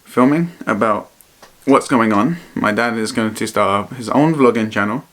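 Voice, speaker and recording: A man vlogging in a reflective, personal way, speaking earnestly and haltingly and often repeating his phrases. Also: on the low side, a bit bright. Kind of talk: personal vlog to camera, reflective talk.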